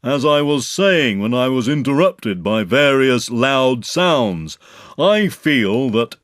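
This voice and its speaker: A man voicing a gloomy, self-important donkey in a storybook reading, speaking in a ponderous, drawn-out way. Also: lowish voice, lively intonation, a little mellow, no room sound, clean studio sound. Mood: stern, loud. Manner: ponderous, pompous, drawn-out delivery. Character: gloomy, self-important, long-suffering old grey donkey.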